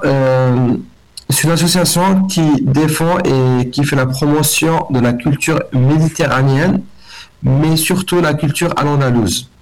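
A middle-aged man from Algeria, a festival director speaking as a guest in a radio interview, talking with many fillers and restarts. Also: medium pitch.

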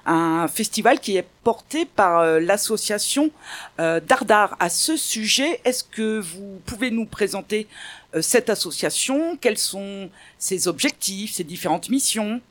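A woman's voice: medium pitch, expressive, a little slow. A woman hosting a radio interview, asking friendly questions. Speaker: radio host.

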